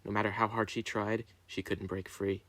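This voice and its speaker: A man reading a story dramatically, narrating in a deliberate, theatrical way. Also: fairly low pitch, level tone, fairly bright tone, no echo.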